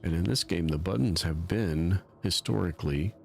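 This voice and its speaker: A man's voice: low-pitched, moderate pace, gravelly, a little hiss or hum. A man streaming a game live, rambling in a self-mocking way and chatting with his viewers. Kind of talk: casual live-stream commentary.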